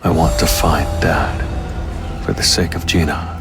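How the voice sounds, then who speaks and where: A young male hunter in a game is voiced by an actor who sounds calm and resolute, delivering inner monologue and dialogue in a measured, low-key, serious way. The mood is brooding and resolved, and loud background music plays beneath his voice.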